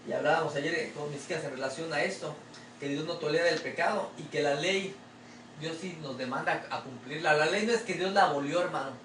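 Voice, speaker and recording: A man pastor delivers a sermon in a chatty, conversational style, peppering it with rhetorical questions and addressing the listener as brother. His voice sits a bit high for a man. It is picked up by a mic some distance away in a roomy, echoing church with a faint ambient hush behind him. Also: fairly quick, a little hiss or hum. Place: church sanctuary.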